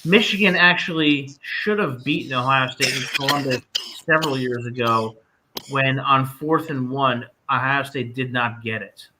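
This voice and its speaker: A man's voice: medium pitch, moderate pace, sharp tone, slight background noise, poor audio. A man in his fifties from New Jersey, giving blunt, emphatic opinions in a casual sports chat. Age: 50s.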